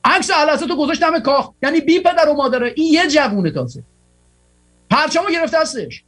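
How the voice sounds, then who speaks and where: A man's voice: very high-pitched, very animated, fairly bright tone, faint music behind. A tired man hosting a political broadcast, giving a fervent, rallying monologue full of repeated exhortations.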